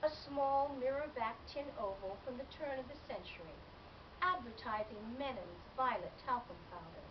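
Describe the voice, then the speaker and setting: An author reads an excerpt from her own novel, a scripted first-person literary narration, in a voice on the high side. The recording is dull and lo-fi, with a distant mic and loud background noise.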